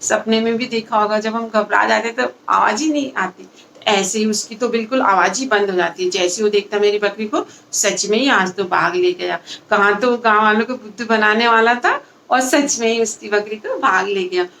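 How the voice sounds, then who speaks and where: A woman's voice: mid-range voice, moderate pace, a bit bright, a little hiss or hum. Chatty woman telling a children's story. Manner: chatty, addresses children directly.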